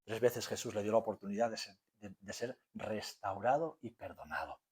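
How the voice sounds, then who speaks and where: A middle-aged man with a Spanish accent preaching a sermon to his congregation, swinging between loud emphasis and soft hushed moments and tossing out rhetorical questions. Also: fairly low pitch, normal speed, breathy edge. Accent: Spain. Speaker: pastor. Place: church hall.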